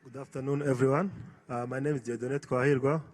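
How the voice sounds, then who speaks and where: A man's voice: medium pitch, fairly even intonation, fast, darkish tone, a faint crowd, a little hiss or hum. Hesitant man on a conference panel. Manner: hesitant, many fillers, earnest. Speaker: agribusiness entrepreneur, panelist. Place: large conference hall. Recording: reverberant conference hall, faint ambience.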